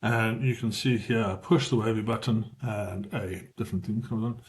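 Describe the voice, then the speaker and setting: With a lowish voice and steady tone at normal speed, a middle-aged South African man leads a casual screen-share tutorial. He explains things informally and revises his own wording as he talks.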